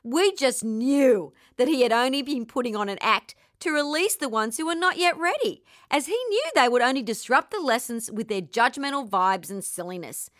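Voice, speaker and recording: A woman with an Australian accent giving an earnest, gently enthusiastic spiritual talk. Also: fairly high pitch, animated, moderate pace, hardly any pauses, no room sound, studio quality. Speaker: spiritual teacher.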